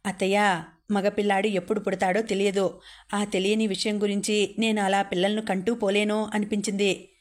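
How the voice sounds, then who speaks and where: A resolute young mother from an audiobook, calm and steady when pushed, read by a woman narrator. She speaks in a level, even voice. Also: medium pitch, normal speed, natural voice.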